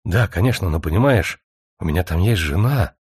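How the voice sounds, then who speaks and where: Reader as a pompous, flustered writer, voice leaping up in outbursts, dry close sound. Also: male voice, low voice, animated, moderate pace, a little mellow, breathy edge, dry recording, pitched below the performer's own voice. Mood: hesitant. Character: indignant middle-aged male writer, flustered and rhetorical.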